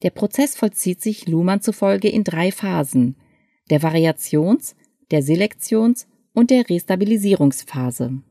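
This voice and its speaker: A woman giving a clear, measured, scripted reading of a written essay. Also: fairly low pitch, animated, warm tone, no room sound, studio quality. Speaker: article reader.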